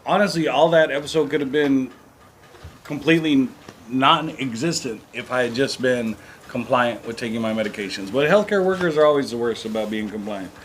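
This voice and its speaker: A middle-aged man co-hosting a podcast in casual chat, easygoing and quick to laugh as he tells family stories. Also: medium pitch, slight background noise, rough recording. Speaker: podcast co-host.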